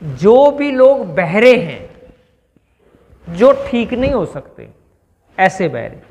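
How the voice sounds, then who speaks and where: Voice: mid-range voice, big pitch swings, takes it slowly, darkish tone, long reverb tail. A teacher giving a step-by-step classroom science explanation and checking in with listeners through questions.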